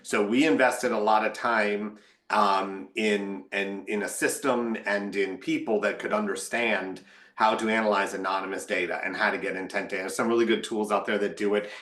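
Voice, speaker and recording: A man's voice: lowish voice, a bit bright, roomy sound. A man, a marketing executive, answering on a webinar panel in a candid, wry way, thinking aloud.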